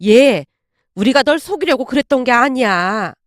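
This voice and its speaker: A woman reads an older Korean-drama mother-in-law, pitched lower and pushed louder than the narration, slow and insistent. The recording is close and dry. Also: lively intonation, dry recording. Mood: scolding. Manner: scolding, then pleading and slow. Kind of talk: storybook drama reading.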